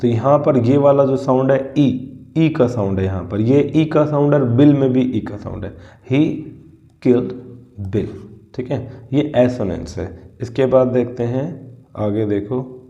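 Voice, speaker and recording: A male teacher walks through a grammar lesson at an unhurried, deliberate pace, stretching out example words sound by sound. His voice is very dark and mellow. It carries an echoey, somewhat dull lo-fi room sound. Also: mid-range voice. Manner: slow, spells out sounds word by word. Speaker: English teacher.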